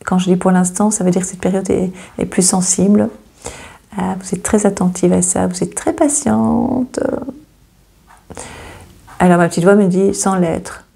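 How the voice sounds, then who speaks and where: A woman giving a casual, hesitant astrology reading, with many fillers and gentle reassurance. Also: fairly low pitch, level tone, a little fast, vocal fry, husky. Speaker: astrology channel host.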